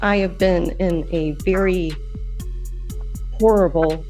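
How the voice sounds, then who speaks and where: A woman's voice: on the low side, steady tone, takes it slowly, a little mellow, soft background music. A woman addressing a judge as a litigant in a courtroom recording, rambling in stiffly formal wording.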